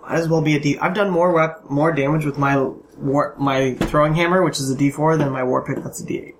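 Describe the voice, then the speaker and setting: A man's voice: a little high, steady tone, noisy background. A man playing in a tabletop game, cracking jokes and quips. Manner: jokey, quick quips and laughs. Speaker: player. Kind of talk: casual tabletop game chat.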